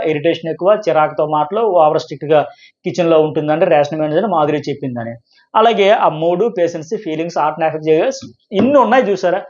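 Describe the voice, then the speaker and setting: A middle-aged man with a Telugu accent delivers a reality-show review at a breakneck pace. His voice sits high and he keeps firing rhetorical questions. The recording has a dull, muffled lo-fi quality. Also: a little mellow. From India. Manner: rapid, argumentative, rhetorical questions. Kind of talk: fast opinionated commentary. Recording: dull lo-fi sound.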